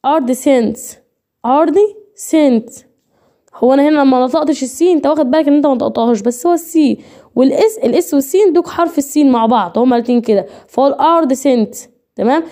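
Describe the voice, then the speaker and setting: Fast-talking Egyptian woman teacher. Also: sits high, warm tone. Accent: Egyptian Arabic. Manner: repetitive, drilling explanations, addresses students directly. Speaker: English teacher for nursing students. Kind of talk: online lecture.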